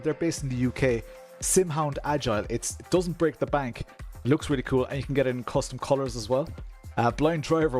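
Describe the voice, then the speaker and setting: Irish streamer with a west of Ireland accent. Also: male voice, mid-range voice. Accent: Irish, County Kerry in the west of Ireland. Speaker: live stream host. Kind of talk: casual chat with stream viewers, reading comments.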